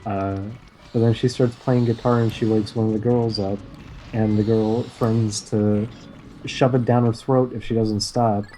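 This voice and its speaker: A man chatting casually on a stream, retelling a cartoon episode in a rambling way with frequent "uh" pauses. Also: on the low side, flat delivery, dark tone, slight background noise, poor audio. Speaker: stream co-host. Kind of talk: casual chat recapping cartoons.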